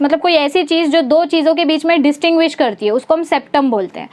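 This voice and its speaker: A young Indian-accented woman with a high voice gives an online biology lecture. She breaks each idea into small steps and keeps checking whether her students are following. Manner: explains step by step, asks students rhetorical questions. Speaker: biology teacher. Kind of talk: online exam-prep lecture mixing Hindi and English.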